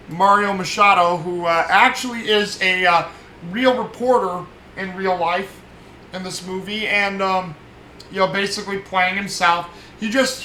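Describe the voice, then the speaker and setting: With a high, bright and forceful voice, a man hosts a casual movie podcast, wandering through scene recaps with lots of fillers and false starts. The room echoes, and there's faint noise.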